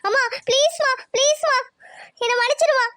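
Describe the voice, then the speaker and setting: A woman's voice: very high voice, fast, a bit bright, no room sound. A woman voicing a desperate young daughter in a cartoon, begging her family tearfully. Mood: pleading.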